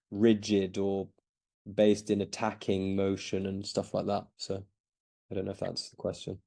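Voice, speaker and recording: This man has a fairly low-pitched, dark-toned voice. He's a Belgian-raised podcast guest in his thirties whose replies to the interviewer are relaxed but halting, full of false starts.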